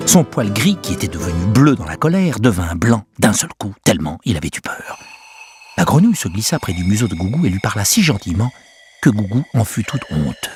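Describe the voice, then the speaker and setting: A man narrating a children's tale in a lively, expressive storytelling manner. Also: fairly low pitch, a little fast. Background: music.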